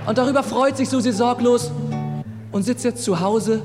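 A man's voice: very high-pitched, moderate pace, in a large hall, music in the background. A man telling mocking comic stories on stage. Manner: mocking, playful storytelling. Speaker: comedian. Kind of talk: stand-up comedy.

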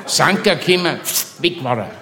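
A man with a thick Bavarian accent spins a comic yarn, rambling and chummy. His voice sits a little higher than usual for a man. He keeps checking in with his listener as the story wanders on. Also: animated, normal speed, sharp tone.

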